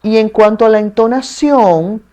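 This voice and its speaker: A woman with a Dominican accent, a communication expert speaking as a guest in an interview, articulate and measured with playful asides. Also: a little high, warm tone, lo-fi sound. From Dominican Republic. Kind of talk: explanatory interview talk.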